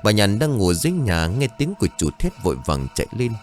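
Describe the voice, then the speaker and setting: A man narrating a scripted horror story in a slow, suspenseful reading voice. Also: on the low side, big pitch swings, a little mellow. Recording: music bed behind the voice. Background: faint music.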